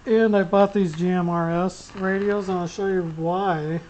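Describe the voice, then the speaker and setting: This is an unscripted gear demo in which a hobbyist walks through a radio setup, wandering and stopping as he explains. His mid-pitched voice has a darkish tone, fairly even intonation, and a measured pace, while background noise and clicks are plainly audible.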